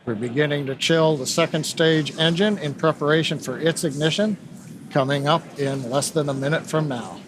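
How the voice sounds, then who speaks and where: A man giving explanatory live launch commentary as a webcast host, in measured phrases. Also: a little high, crowd noise.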